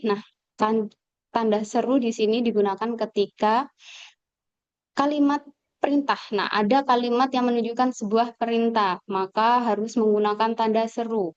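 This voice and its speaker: A woman's voice: fairly high pitch, no echo. Woman teaching over a video call. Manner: slow explanatory teaching with many fillers. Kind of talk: online class lecture. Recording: dull lo-fi video call audio.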